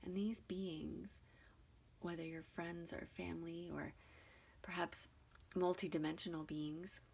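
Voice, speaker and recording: A woman leads a guided meditation in a voice on the low side with a level tone. Her delivery is calm and deliberate, with pauses between short phrases whose endings trail off soft and breathy.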